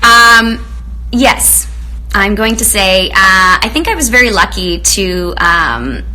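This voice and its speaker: A Romanian woman hosts a live online show, warmly greeting viewers and chatting effusively with lots of fillers. Her medium-pitched voice is expressive and slow, captured on a rough recording.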